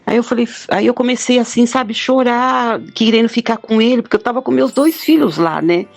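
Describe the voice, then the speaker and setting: Middle-aged woman, slightly raised pitch, sincere plain-spoken personal testimony. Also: brisk, creaky. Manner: heartfelt, plain-spoken storytelling. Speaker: guest telling a near-death experience.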